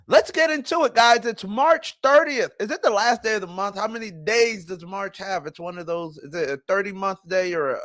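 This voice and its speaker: A man's voice: fairly high pitch, fairly bright tone, dry recording. A man in his forties hosting a live stream, chatting casually and rambling with self-corrections as he greets viewers. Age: 40s. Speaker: livestream host. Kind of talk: casual livestream chat.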